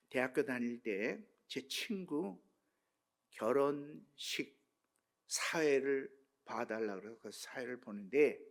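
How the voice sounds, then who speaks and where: Gravelly older Korean pastor preaching. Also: male voice, fairly high pitch. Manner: emotional storytelling, swinging between hushed and shouting. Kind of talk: sermon with personal testimony.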